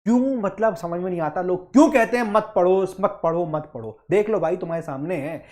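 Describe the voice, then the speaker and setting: A young man teaching an exam prep lesson, talking emphatically and coaxing students, and slowing down to read English quotes aloud. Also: sits high, a little mellow. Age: young adult. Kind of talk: Hindi-English lecture.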